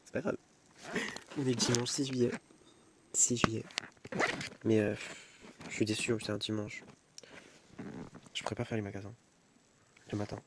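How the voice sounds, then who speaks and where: A man's voice: lowish voice, fairly even intonation, normal speed, long pauses, very noisy. A young man filming a casual vlog at home on his phone, rambling and mocking himself, often restarting and repeating words. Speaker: vlogger. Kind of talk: casual self-filmed vlog. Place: at home at night.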